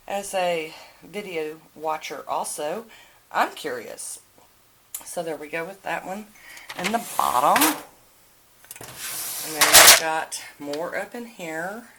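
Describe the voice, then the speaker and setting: A woman with a low voice narrates a casual home tour. She talks informally, like a hobby vlogger chatting to viewers. The recording is very noisy, with clicks behind her. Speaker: vlogger showing a nail polish collection. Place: indoors at home, handheld camera, drawers handled.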